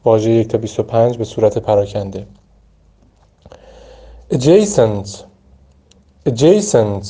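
Very dark-voiced man drilling English words. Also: on the low side, flat delivery. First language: Persian. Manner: repeats each word slowly several times with short explanations. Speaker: English vocabulary teacher. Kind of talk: pronunciation drill for vocabulary.

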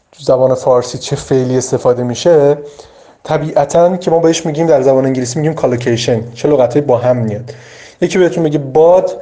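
A man's voice: on the high side, dark tone. A man explaining how to study English vocabulary and pronunciation in an informal teaching manner, with frequent filler sounds. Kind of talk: vocabulary study advice lesson.

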